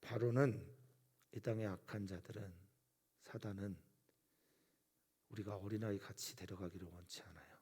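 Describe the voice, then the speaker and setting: A man, a pastor, preaching an earnest dawn service sermon, often dropping to a soft whisper for emphasis. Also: on the low side, steady tone, moderate pace, long pauses, husky.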